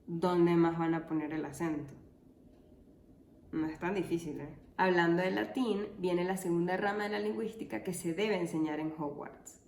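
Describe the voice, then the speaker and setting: A woman explains language topics casually, slipping in dry, deadpan jokes. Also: lowish voice, vocal fry, roomy sound, a little hiss or hum. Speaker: linguistics educator. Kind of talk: casual educational video.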